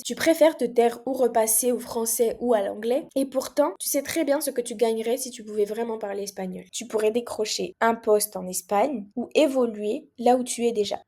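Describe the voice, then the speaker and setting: A young woman from Mayotte, a language coach, speaking straight to the viewer in a persuasive pitch video. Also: dark tone. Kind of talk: direct-to-camera pitch video.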